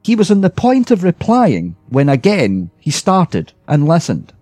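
A man's voice: on the high side, huge pitch swings, mellow, no echo, faint music behind. Man reading a ghost story aloud. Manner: measured first-person storytelling. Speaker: reader. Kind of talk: scripted storybook narration.

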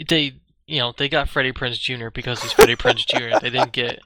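A man's voice: medium pitch, fairly even intonation, a little fast, background noise. An American man co-hosting a podcast, chatting casually about video games in a blunt, profane way. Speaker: podcast co-host.

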